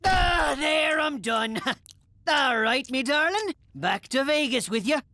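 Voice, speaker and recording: A man's voice: very high-pitched, lively intonation, takes it slowly, pushed and bright, slight background noise, full character voice. A man voicing a lecherous, cocky Irish politician in an adult cartoon, with a leprechaun-like stage-Irish lilt. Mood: cocky, jaunty.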